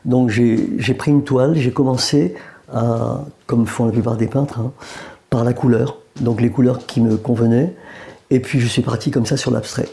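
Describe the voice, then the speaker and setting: An Algerian painter chats through a casual interview in a gallery room, full of hesitations and joking asides. His mid-range voice is warm and creaky, with fairly even intonation at a normal speed.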